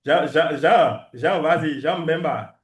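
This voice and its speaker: French-speaking man drilling pronunciation. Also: fairly high pitch. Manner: repeats words slowly to drill pronunciation. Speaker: English teacher. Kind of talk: live language class. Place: classroom or room with students. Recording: echoey room.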